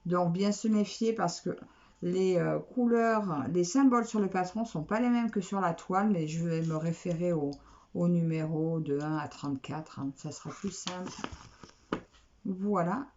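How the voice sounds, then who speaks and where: A woman vlogger chatting casually as she unboxes craft kits, repeating words and filling pauses with little asides. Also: lowish voice, darkish tone. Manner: chatty, repeats words, many "alors" fillers. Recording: dull lo-fi recording with faint noise.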